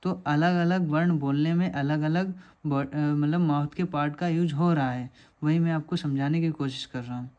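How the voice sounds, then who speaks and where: A man's voice: on the high side, fairly even intonation, normal speed, a little mellow, lo-fi sound. A man teaching a lesson over diagrams, patiently asking questions and answering them himself.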